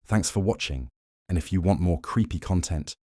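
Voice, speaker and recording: A deep, mellow male voice narrates eerie true-story facts in a slow, ominous, measured way. The recording is dry and close, with no room sound around him. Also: no room sound. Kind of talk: scripted horror narration.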